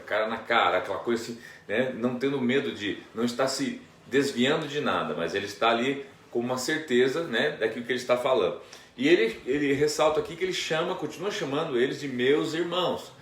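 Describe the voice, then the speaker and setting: A man's voice: medium pitch, brisk, a bit bright. Man teaching a Bible study, distant echo. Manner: explanatory, many tag questions. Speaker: pastor. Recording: echoey room, distant mic.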